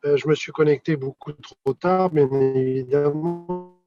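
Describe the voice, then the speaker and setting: A man's voice: on the high side, unhurried, lo-fi sound, music in the background. A man taking part in a discussion over a video call, speaking hesitantly with many fillers and restarts. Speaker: conference participant on a video call. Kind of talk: casual discussion. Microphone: video call connection.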